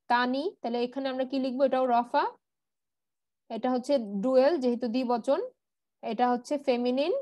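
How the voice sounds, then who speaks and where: A woman's voice: high-pitched, a little mellow, no room sound. A woman teaching an Arabic grammar class online, patiently repeating word forms and answering her own questions, with English words mixed in.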